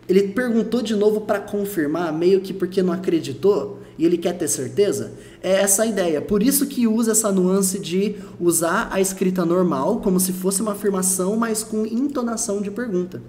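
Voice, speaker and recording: A man's voice: high-pitched, a little mellow, slight background noise. A Brazilian man teaching a lesson, explaining patiently, repeating his points and checking the listener follows. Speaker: English teacher.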